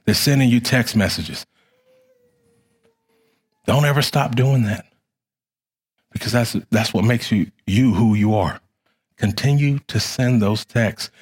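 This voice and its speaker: A middle-aged male pastor delivers a sermon in a mid-range voice. His preaching runs in repeated phrases that climb in force, then sink back to something close to a hush. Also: mid-range voice, a little slow, pauses often, husky. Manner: fervent, repetitive preaching cadence that swells and drops.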